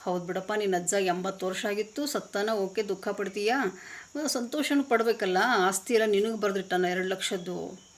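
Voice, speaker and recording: Give me a loud, exasperated friend, voiced by a woman. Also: medium pitch, moderate pace, lightly acted. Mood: reasoning. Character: exasperated male friend, scolding.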